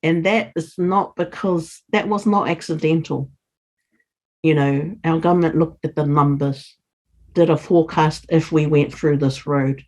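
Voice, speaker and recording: A woman with a low, darkish voice speaks a little slowly as a podcast guest and community leader in a casual interview. English is her second language, and she comes across as earnest and encouraging.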